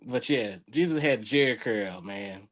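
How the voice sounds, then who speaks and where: A man's voice: mid-range voice, expressive, a little slow. Joking Southern man on a podcast. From Florida. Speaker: comedian guest. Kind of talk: casual podcast chat.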